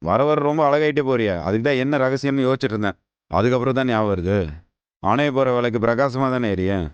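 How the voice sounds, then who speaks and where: A man's voice: mid-range voice, fast talker, smooth, no echo, dull audio, close to an everyday voice. A man playing a smug, gloating husband. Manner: boastful, teasing, smug. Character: cocky gloating man, taunting his wife. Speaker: actor in a TV serial. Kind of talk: TV serial acting.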